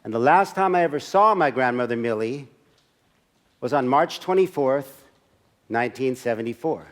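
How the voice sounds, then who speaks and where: A man's voice: mid-range voice, lively intonation, normal speed. A man in his sixties performs a personal story as a stage monologue at a church service. He talks in a conversational way and acts out the scenes with asides to the audience. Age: 60s.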